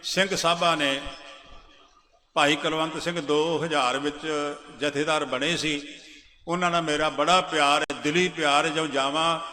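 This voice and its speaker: A man preaching a Sikh katha sermon, chanting Persian verses slowly and then explaining them in quick, lively speech that swells loud on key lines. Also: on the high side. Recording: long reverberant hall.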